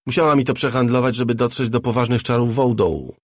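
A man voicing a brash, talkative young ex-hacker in an audiobook, a little louder and brighter than his narration. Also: mid-range voice, quick pace, dry recording, studio quality, voice pushed up, close to an everyday voice. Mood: boastful chatter. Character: cocky young male ex-hacker, chatty and sly.

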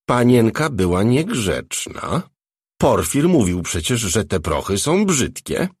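A man's voice: on the low side, sing-song, slow, darkish tone, breathy edge, no room sound, clean studio sound, voice pushed up, full character voice. A man voicing a tall, flamboyant male hairdresser who scolds fondly and speaks of himself in the third person. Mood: scolding.

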